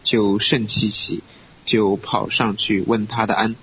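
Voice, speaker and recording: Man reading scripture aloud, steady. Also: fairly low pitch, unhurried. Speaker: scripture reader. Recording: dull lo-fi recording with faint hiss.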